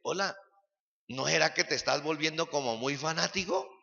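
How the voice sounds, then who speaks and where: A sly, nagging tempter's voice, put on by a preacher mid-sermon, needling with one teasing question after another. The voice is high and bright with a gravelly edge. Long church-hall reverb and a dull, lo-fi sound hang over it. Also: male voice, moderate pace.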